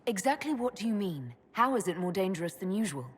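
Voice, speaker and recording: A woman playing a composed young elf mage who leads an army in a fantasy video game, speaking in a calm, inquisitive way. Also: mid-range voice, brisk, husky. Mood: curious. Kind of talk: video game cutscene acting.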